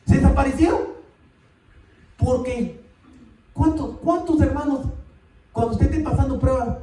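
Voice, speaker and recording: A man preaching a sermon, animated and calling out to the congregation often. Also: very high voice, measured pace. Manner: animated, calls out "hermano" often. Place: church sanctuary. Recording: echoey church from far off.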